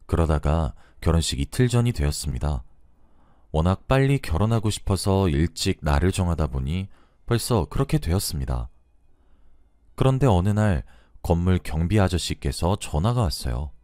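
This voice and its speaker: A man with a fairly low voice tells a first-person story, his pitch rising and falling in a lively way. He recounts events in a conversational way. The recording is close and dry. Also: dry recording. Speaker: narrator.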